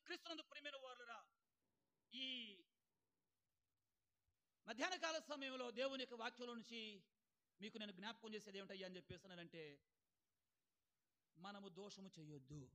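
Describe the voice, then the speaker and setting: A man's voice: very high-pitched, pushed and bright. A male pastor preaching a sermon, often asking "ఏమండి?" and calling on the congregation to answer aloud.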